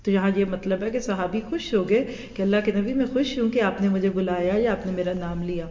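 Woman teaching a hadith class in an echoing hall. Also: mid-range voice. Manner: animated, acts out everyday dialogue, mixes in English words. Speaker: religious teacher. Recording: echoey hall, dull lo-fi sound.

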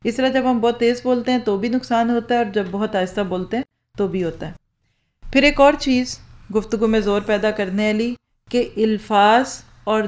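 A woman with a slightly high voice and a darkish tone lectures an audience about speaking skills. She stands in a hall with rows of listeners, using a handheld or stand microphone, and answers her own rhetorical questions.

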